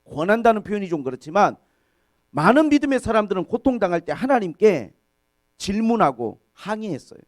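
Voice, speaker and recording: Expressive high-voiced male pastor preaching. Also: brisk, no echo. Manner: expressive preaching, voice rising sharply on emphasis. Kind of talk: sermon. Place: church.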